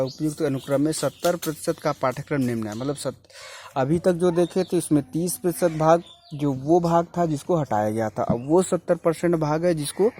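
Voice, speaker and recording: A chemistry teacher with a slightly high voice reads out a syllabus, with a little hiss or hum in the background. He goes steadily through a list of chemical terms, occasionally correcting himself mid-word.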